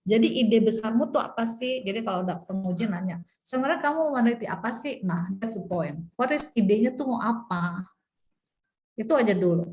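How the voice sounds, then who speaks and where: A middle-aged woman gives a university lecture in an animated way. She reads slide points slowly and then explains them in quick, chatty talk, sometimes playing out students' replies. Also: mid-range voice, rough recording. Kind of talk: classroom lecture mixing Indonesian and English.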